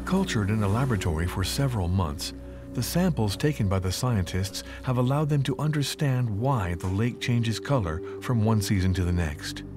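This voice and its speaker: A man's voice: fairly low pitch, animated, moderate pace. A man delivering scripted narration for a nature documentary. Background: prominent background music.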